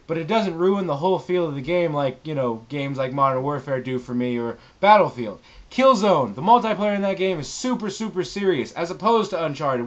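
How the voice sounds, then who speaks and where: A man hosting a gaming channel, talking casually to viewers with emphatic showmanship and frequent swearing. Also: on the high side. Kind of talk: casual vlog monologue to viewers. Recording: dull, lo-fi sound.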